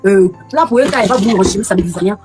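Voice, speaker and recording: A woman's voice: mid-range voice, rapid-fire, over music. A woman hosting a live stream, ranting combatively at her critics and repeating her points. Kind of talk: heated live stream rant.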